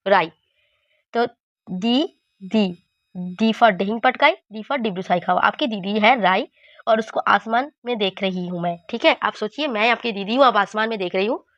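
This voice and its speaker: Patient higher-pitched woman teacher. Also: a bit bright, no echo, muffled recording. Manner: patient, repetitive, coaching. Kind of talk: explaining memory tricks.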